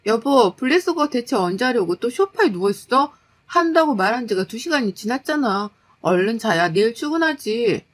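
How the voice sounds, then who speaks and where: A woman voicing an exhausted, fed-up young working wife, scolding in a sharp, exasperated way. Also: on the high side, lively intonation, moderate pace.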